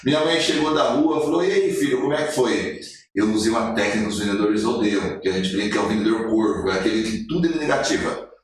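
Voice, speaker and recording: A man in his forties with a somewhat low voice tells his life story as a guest on a podcast. He is an animated storyteller who acts out the lines he quotes. The room is very echoey and he sits a little back from the mic. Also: fast, far from the mic. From Brazil. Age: 40s. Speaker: podcast guest, motivational speaker.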